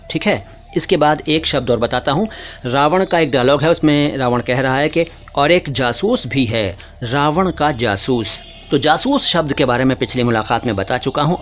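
A man teaching word origins in a casual, patient lesson, often repeating key words and calling his viewers brother. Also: medium pitch. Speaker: language teacher.

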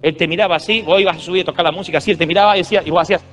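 A man's voice: high voice, fairly even intonation, very fast, over music. A man in his thirties with an Argentine accent, giving a humorous, digressive sermon full of stories. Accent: Argentine Spanish. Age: 30s. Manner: storytelling, digressive, jokey. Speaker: preacher.

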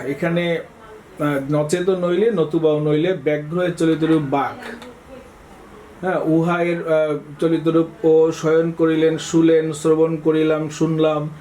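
A man teaching an exam-prep lesson, reading out quiz questions and answering each one briskly, often prompting students to look. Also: fairly high pitch, level tone, dark tone, slight background noise, poor audio.

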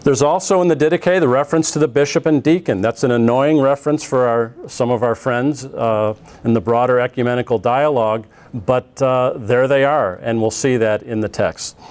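A middle-aged man teaches a class in a relaxed, conversational way. He often pauses with "uh" and restarts phrases as he explains. He is recorded close up on a lapel mic in a classroom. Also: mid-range voice. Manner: conversational, with frequent "uh" fillers and restarts. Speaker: lecturer. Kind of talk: classroom lecture. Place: classroom in front of a projected slide.

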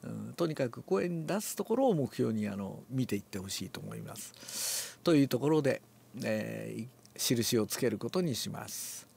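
An older man, relaxed and musing aloud, explains a classical Japanese text before reading it aloud and demonstrates with his voice. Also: mid-range voice, normal speed, creaky, husky. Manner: relaxed, talks to himself, demonstrates accents aloud. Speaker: reading teacher.

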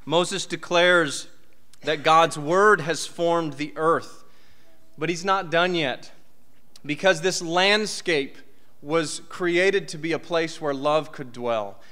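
Male preacher, 30s: high, crisp voice, conversational and lively delivery at a church podium. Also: slow pace. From United States. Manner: conversational, lively preaching with asides and rhetorical questions. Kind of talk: sermon. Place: church hall. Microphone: podium mic.

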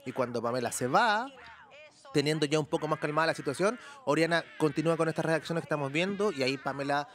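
Chatty Chilean man, slightly high voice. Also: fast talker, fairly bright tone. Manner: rambling, hesitant restarts. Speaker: co-host. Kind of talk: casual entertainment chat.

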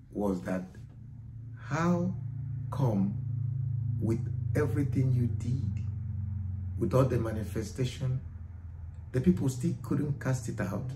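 A man hosting as a minister, prompting his guest with leading questions. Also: medium pitch. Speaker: host and minister. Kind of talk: interviewing a guest. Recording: roomy echo with faint background noise.

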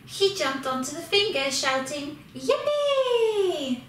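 Slow high-voiced woman reading a children's story. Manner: expressive, unhurried reading. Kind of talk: children's storybook read-aloud. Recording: very echoey room, distant mic, faint hiss.

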